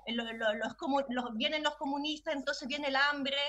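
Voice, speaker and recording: A woman speaks as a panel guest, her voice high and bright. She hesitates often, filling gaps and restarting her sentences as she reasons aloud. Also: steady tone, normal speed, a little hiss or hum. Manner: hesitant, many fillers and restarts. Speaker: philosopher guest. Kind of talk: panel discussion.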